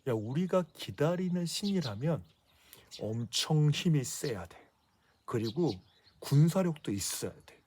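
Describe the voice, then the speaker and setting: Man putting on a scornful proud young man, higher pitched, indignant, husky, storybook telling. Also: animated, unhurried, darkish tone, dry recording. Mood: angry. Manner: mocking, indignant.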